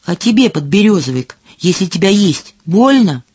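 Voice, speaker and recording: A woman's voice: on the low side, sing-song, normal speed, darkish tone, breathy edge, dry recording, exaggerated voice. A woman voicing a hungry little peasant boy who reassures his sister and politely asks mushrooms whether eating them hurts. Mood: questioning. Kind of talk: storybook reading.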